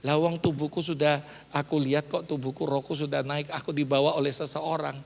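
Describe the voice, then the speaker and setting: A male pastor preaching a sermon, mixing in English phrases and building up to loud, emphatic lines. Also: on the high side, flat delivery, brisk, vocal fry, in a large hall.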